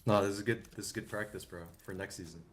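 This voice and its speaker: A man's voice: lowish voice, fairly even intonation, fast talker, husky. A man chatting casually with his team during an online game, using slang like bro and dude. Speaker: team player in online shooter. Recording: loud game music behind voice. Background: loud game music.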